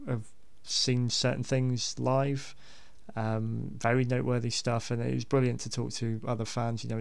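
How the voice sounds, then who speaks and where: A man hosts a podcast in an easygoing, unscripted manner. His voice is strongly fried and mostly even in pitch, and he rambles with hesitation, repeating words along the way.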